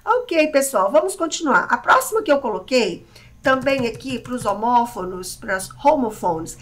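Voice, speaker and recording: Professora brasileira animada, voz aguda. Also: female voice, fairly high pitch, unhurried, a little hiss or hum. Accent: Brazilian Portuguese. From Brazil. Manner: lively, chatty, talks straight to her students. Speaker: English teacher. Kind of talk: online English lesson.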